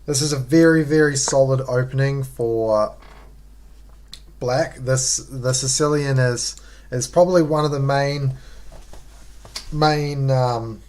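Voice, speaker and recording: A man's voice: medium pitch, steady tone, takes it slowly, pauses often, a little mellow. Laid-back New Zealand man streaming chess. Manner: laid-back, slangy, chatting to viewers. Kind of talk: casual live game commentary.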